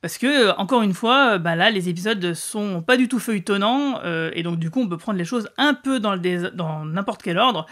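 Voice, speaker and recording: A podcast host talking casually about a TV series, relaxed and chatty. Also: mid-range voice, normal speed, few pauses.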